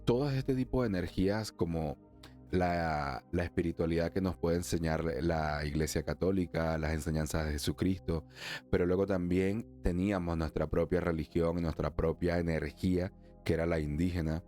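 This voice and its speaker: A man from Venezuela hosting a solo spiritual podcast, chatty, laughing often, slowing down for emphasis and then speeding up. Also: deep voice, steady tone, dark tone, soft background music. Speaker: podcast host, emotional wellness therapist.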